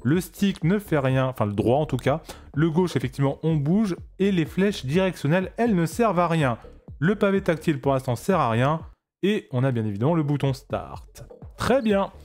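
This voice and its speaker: A man's voice: a little high, a little mellow. Chatty, joking French-speaking man streaming. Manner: chatty, joking, with frequent restarts. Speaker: let's play streamer. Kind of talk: casual gameplay commentary.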